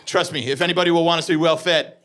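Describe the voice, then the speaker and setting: A man's voice: a little high, steady tone, rapid-fire, noisy background. A man in his forties doing a stand-up comedy set, telling brash, profane stories and acting out the quotes. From United States. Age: 40s. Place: comedy club stage before a laughing audience. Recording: live club recording with crowd laughter.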